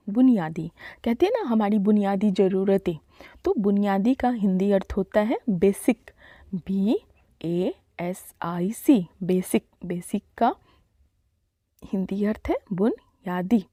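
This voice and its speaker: Woman spelling out vocabulary slowly. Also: mid-range voice, dark tone, no echo, clean studio sound. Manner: slow, deliberate, spells words letter by letter. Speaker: vocabulary teacher. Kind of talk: Hindi-to-English vocabulary lesson.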